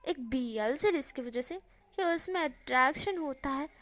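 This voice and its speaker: A teasing, possessive young man, put on by a woman in a read-aloud fan story. His tone is rough and high-pitched, pushing and mocking. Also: lively intonation, normal speed, a bit bright.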